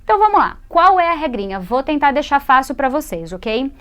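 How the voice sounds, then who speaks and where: A woman from Brazil who teaches English on television. Her voice sits a little high, and she explains patiently, repeating words and modelling the sounds slowly for her viewers. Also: big pitch swings. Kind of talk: TV English lesson.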